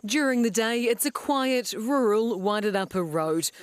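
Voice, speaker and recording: A woman's voice: fairly high pitch, lively intonation, a little slow, clean tone. A woman with a New Zealand accent narrating a scripted news report as a reporter.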